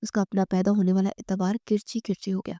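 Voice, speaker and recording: A woman's voice: mid-range voice, level tone, warm tone, no echo. Woman storyteller, dramatic bedtime reading, dry close mic.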